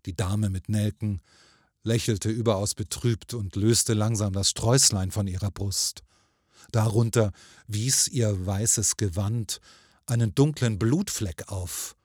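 Slow husky guy reading a ghost story, dry close sound, grave and measured. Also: fairly low pitch, a little mellow, dry recording. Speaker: narrator. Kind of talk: scripted narration of a ghost story.

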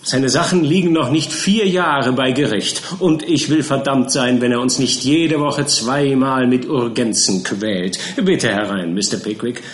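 A man reading an audiobook and voicing a brisk, sly male law clerk with a raised, brusque manner. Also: mid-range voice, close to an everyday voice. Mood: irritable. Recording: roomy echo.

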